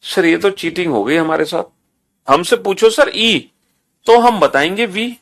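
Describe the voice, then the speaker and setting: A man's voice: high voice, a little slow, a bit bright. A man voicing a puzzled student who complains to the teacher with whiny, protesting questions.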